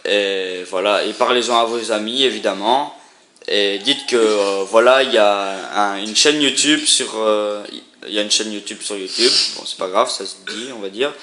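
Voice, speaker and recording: A man's voice: lowish voice, moderate pace, sharp tone. A young man presenting a challenge video in casual, rambling talk with slang and crude words. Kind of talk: casual unscripted vlog chat. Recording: roomy echo, faint background noise.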